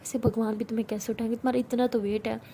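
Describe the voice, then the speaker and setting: A woman's voice: fairly high pitch, level tone, very fast, dark tone, slight background noise, lightly acted. A woman doing a feisty, mocking college girl. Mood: taunting. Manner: mocking, taunting retorts. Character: feisty, sharp-tongued young college woman.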